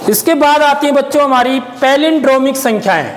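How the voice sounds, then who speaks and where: High-voiced man teaching maths, echoey room. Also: fairly quick, noisy background. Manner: keeps checking understanding with questions. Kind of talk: classroom maths lesson. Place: classroom with pupils answering. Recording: echoey room with long reverb.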